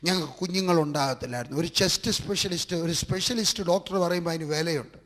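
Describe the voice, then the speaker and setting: A man's voice: high voice, steady tone, fast talker, bright, forceful tone. A man preaching a fervent sermon with a Malayali accent, building his points through repeated rhetorical lines. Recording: long hall reverb.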